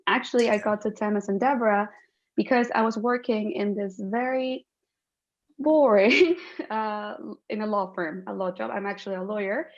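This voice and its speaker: A woman from Chile, upbeat and quick to laugh, answering interview questions. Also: mid-range voice, steady tone. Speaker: guest, lawyer turned space volunteer. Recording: muffled lo-fi call audio.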